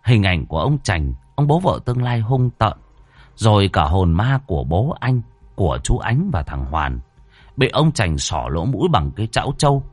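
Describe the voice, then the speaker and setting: A man's voice: on the low side, big pitch swings, normal speed, a little mellow, no room sound, soft background music. A man telling a ghost story in scripted, dramatic narration.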